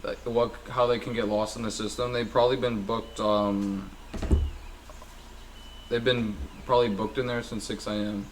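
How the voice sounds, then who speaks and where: A man's voice: on the low side, flat delivery, moderate pace, slight background noise, low-quality recording. Earnest opinionated podcast co-host, a man. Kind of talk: casual chat.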